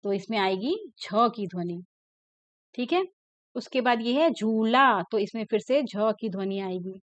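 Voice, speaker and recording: Explaining a textbook in class, a woman teacher speaks to young children in a slightly high, expressive voice. Patient, she says words slowly and repeatedly asks "ठीक है ना" to make sure they're keeping up. The sound is dry, dull and lo-fi.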